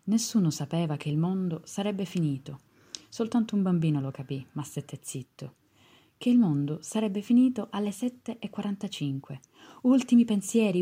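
Young woman, low mellow voice, theatrical swelling poetry recital, dramatic rise and fall. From Palermo, Sicily, Italy. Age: young adult. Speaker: art student reading a poem.

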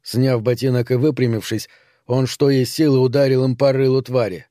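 Male audiobook narrator, measured telling, dark mellow tone, dry close sound. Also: mid-range voice, flat delivery, no echo. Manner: measured storytelling.

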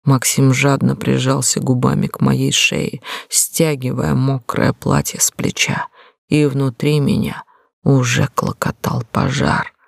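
Audiobook narrator, emotional intimate reading, gravelly tone, dry close sound. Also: medium pitch, level tone, measured pace, no room sound. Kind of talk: first-person romance audiobook narration.

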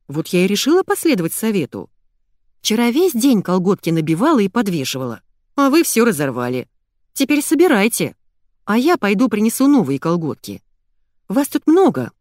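A woman voicing a bossy, energetic young woman who scolds and gives orders. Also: medium pitch, no room sound, clean studio sound, pitched above the performer's own voice, close to an everyday voice. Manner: brisk, commanding, scolding.

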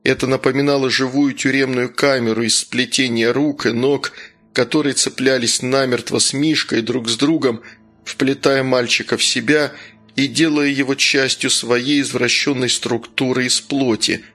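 A man reading a horror story aloud in a steady narrating voice. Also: medium pitch, moderate pace. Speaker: audiobook narrator. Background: faint music.

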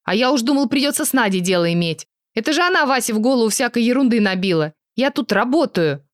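Woman reader as a defensive, wheedling boyfriend, fairly high, dry sound. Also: expressive, quick pace, no room sound, natural voice. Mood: stern. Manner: stern, then wheedling and defensive. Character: stern, smooth-talking cheating boyfriend.

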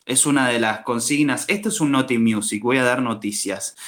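A man's voice: mid-range voice, moderate pace, a bit bright. A young man with an Argentine accent co-hosting a casual radio chat show, playful and slangy. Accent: Argentine Spanish. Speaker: radio co-host.

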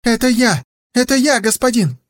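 Man doing a shrill young fox servant. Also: expressive, normal speed, a bit bright. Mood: pleading. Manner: shrill, pleading.

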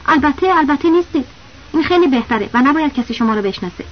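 Performing the part of a chatty male village principal who insistently cuts in and talks over everyone with knowing comments, a woman reads in an expressive voice that sits high. Faint hiss runs through the dull, lo-fi audiobook recording.

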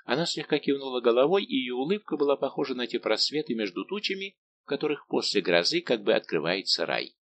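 A man narrating a historical novel as an audiobook in an expressive reading style. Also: mid-range voice, fast, vocal fry, hardly any pauses, highs cut off, a little hiss or hum.

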